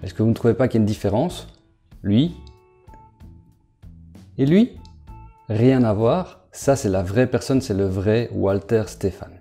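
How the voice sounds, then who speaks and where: Brief: man on a walkthrough video, low and very mellow tone, chatty with fillers, faint guitar behind. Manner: chatty, talks straight to the viewer, halting with fillers. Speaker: crypto investment YouTuber. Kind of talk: casual screen walkthrough commentary.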